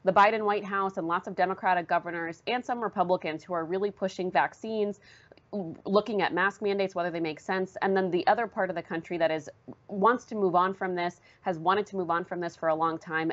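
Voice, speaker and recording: A woman reporter giving fluent, measured news analysis in an interview. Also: fairly low pitch, fairly even intonation, dull audio. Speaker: newspaper reporter guest.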